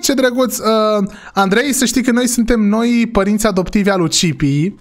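A man with a high voice hosts a playful role-play vlog. He is excitable and keeps calling out to his viewers. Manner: excitable, addresses viewers directly. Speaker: vlogger host.

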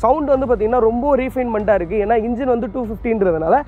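Young male motorcycle reviewer, very high voice, rushes through his points outdoors; slightly muffled sound, soft music under it. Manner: rapid explanatory talk, standing by a motorbike. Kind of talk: bike review to camera. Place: outdoors by a roadside.

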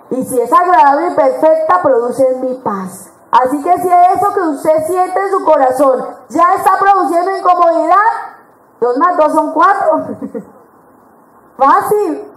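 A woman preaching a sermon at a women's conference, lively and acting out the voices of the people she quotes. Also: high voice, unhurried. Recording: echoey church hall.

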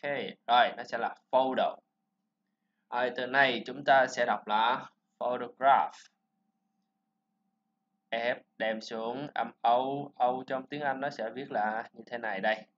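A man teaching a pronunciation lesson, explaining sounds and repeating words slowly for learners to copy. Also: medium pitch, steady tone, fairly bright tone, slight background noise. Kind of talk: classroom-style pronunciation lesson. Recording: slightly dull lo-fi recording.

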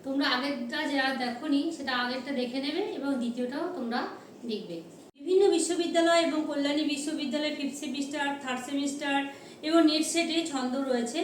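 High-voiced woman teaching at a board. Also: a little hiss or hum. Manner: slow, repeats syllables to demonstrate pronunciation. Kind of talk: board lesson to students. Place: classroom with a board.

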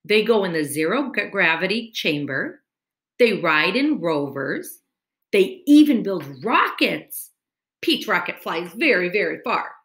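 With a lowish voice and measured pace, a woman in her thirties expressively reads a children's storybook aloud, teacher-style, to young children. She records in an indoor room at home via a computer mic at webcam distance, captured as a screen-recorded webcam video with a roomy, echoing sound.

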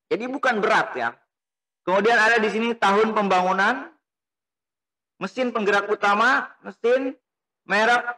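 A man's voice: high voice, sharp tone, rough recording. A middle-aged man giving a recorded lecture, explaining step by step and asking and answering his own questions, recorded indoors on a desk microphone. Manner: gestures while talking. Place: small indoor room. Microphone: desk mic on stand.

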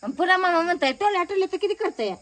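A woman's voice: very high voice, expressive, very fast, fairly bright tone. A young woman chatting casually in a home vlog, coaxing a toddler with questions. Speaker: village vlogger.

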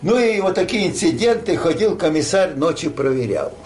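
A man's voice: on the high side, sing-song, moderate pace, a little mellow. An older man telling a war story like a grandpa, rambling and colloquial, acting out dialogue. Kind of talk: casual oral war storytelling.

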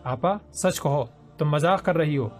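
A bashful young woman, wounded and close to tears, as a male narrator puts her on. She pleads in a lifted, softer voice, with quiet music in the background. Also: on the high side, voice pushed up, lightly acted. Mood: pleading.

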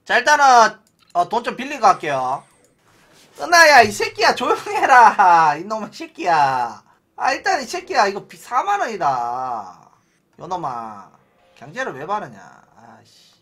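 A man streaming a game live, commentating excitedly, cursing often and shouting countdowns before big attempts. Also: high voice, measured pace.

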